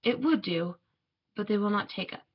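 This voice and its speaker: A woman voicing a weary, steady refugee father in a storybook reading, speaking with a resigned tone. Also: mid-range voice, normal speed, slightly rough, natural voice. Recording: dull lo-fi recording.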